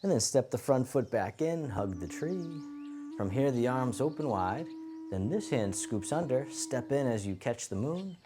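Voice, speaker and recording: A man teaching tai chi, cueing each movement step by step in a gentle, encouraging, unhurried way. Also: medium pitch, expressive. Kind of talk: guided movement lesson, calm step-by-step cueing. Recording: music playing behind the voice. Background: music.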